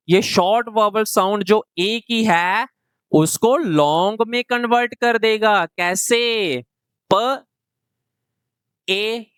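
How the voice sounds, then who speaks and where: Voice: mid-range voice, fairly bright tone, smooth, dry recording. Patient phonics teacher, dry close recording. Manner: slow, question-and-answer explaining. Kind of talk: classroom phonics lesson.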